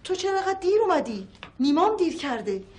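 Soothing teasing housewife, high clear voice. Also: female voice, very animated, darkish tone, slight background noise. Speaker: wife and mother. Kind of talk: TV sitcom acting.

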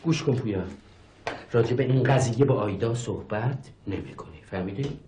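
A man's voice: mid-range voice, lively intonation, mellow, a little hiss or hum, lightly acted. An actor playing an irritable, skeptical middle-aged professor and father, exasperated and dismissive in a sitcom. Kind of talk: TV sitcom acting.

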